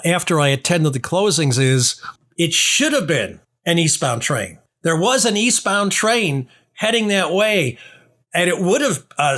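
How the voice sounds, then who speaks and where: Higher-pitched man, argumentative podcast commentary. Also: a bit bright. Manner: argumentative, skeptical, rebutting points with rhetorical questions. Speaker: podcast host. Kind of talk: true-crime podcast commentary on a trial.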